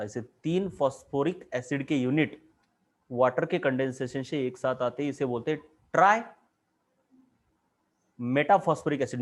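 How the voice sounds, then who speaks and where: A man with an Indian accent teaching chemistry in a classroom lecture, drawing at a board and asking the class question after question. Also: mid-range voice.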